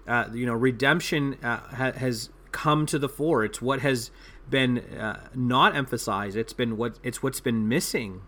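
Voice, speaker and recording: Man, bright tone, panelist unpacking doctrine, hesitant and full of fillers. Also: mid-range voice. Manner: thoughtful, halting explanations with many fillers. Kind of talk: theological panel discussion.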